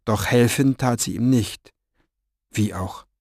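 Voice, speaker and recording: Calm male audiobook narrator. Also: mid-range voice, slow pace, dry recording, studio quality.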